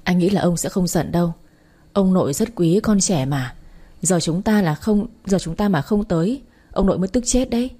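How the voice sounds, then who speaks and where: A calm, confident young boyfriend from a spoken storybook, as a woman reads him. He talks in a gentle, coaxing way. The voice is low and mellow. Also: normal speed, husky.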